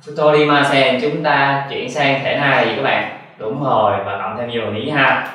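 A man teaching a language lesson, asking questions and answering them himself, and repeating example sentences slowly for drilling. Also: mid-range voice, fairly even intonation, sharp tone, faint music behind. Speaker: Japanese teacher. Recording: very echoey room, far from mic.

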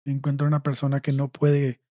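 A man's voice: mid-range voice, monotone, fairly quick, mellow. A young Mexican man telling a personal story in casual, slang-heavy chat, swearing freely and tagging his phrases with "güey".

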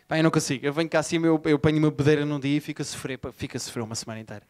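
High-voiced profane Lisbon comedian. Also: male voice, rapid-fire. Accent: Lisbon Portuguese. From Portugal. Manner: animated, profane, riffing with the crowd. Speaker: stand-up comedian. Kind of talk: stand-up comedy set. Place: comedy bar before a live audience. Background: audience laughter.

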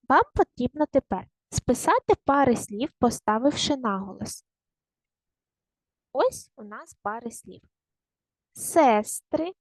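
A woman teaching a primary school language lesson online, speaking slowly and carefully and repeating words to show their stress. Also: on the high side, no echo.

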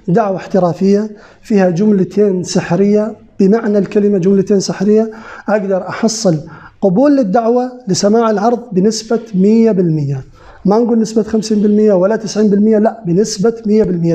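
A man's voice: sits high, fairly even intonation, quick pace, warm tone. A man giving a sales-training lecture to a live group. He asks the room questions and repeats his key phrases. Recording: muffled lo-fi recording.

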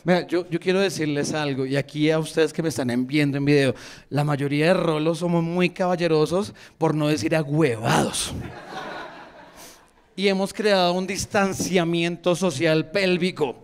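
Animated Bogotá comedian, high voice. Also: male voice, moderate pace, smooth. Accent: Bogotá Colombian Spanish. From Bogotá, Colombia. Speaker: stand-up comedian. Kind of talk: stand-up routine. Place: comedy bar stage with live audience. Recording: live crowd laughter behind.

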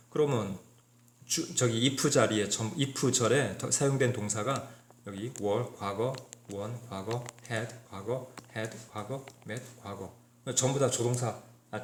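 A man's voice: mid-range voice, slight background noise. Korean male teacher in an echoey room. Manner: walks through problems step by step, frequent "자" and "그죠?" check-ins. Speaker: English teacher. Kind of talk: exam-prep grammar lecture.

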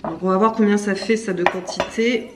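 A woman in her thirties talks through a recipe in her home kitchen, chatty and unhurried, full of little fillers as she works. Her voice sits at a middle pitch and bounces around a fairly echoey room. A faint hiss of background noise stays under the talk. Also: steady tone. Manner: chatty, explaining step by step with many fillers. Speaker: cooking vlogger. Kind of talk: casual cooking demonstration.

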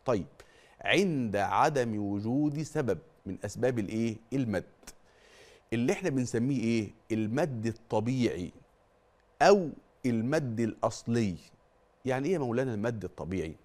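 A man's voice: mid-range voice, animated, a little mellow. A man with an Egyptian accent teaching Quran recitation on a religious TV lesson, asking questions and answering them himself. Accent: Egyptian Arabic. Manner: draws out example words slowly to demonstrate.

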